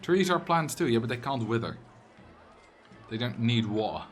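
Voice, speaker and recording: During a live stream, a young native Dutch speaker from the Netherlands casually talks over a game, reading viewer chat aloud, joking back and now and then erupting into loud, exasperated rants. He speaks with a Dutch accent at a medium pitch, expressive and at a moderate pace.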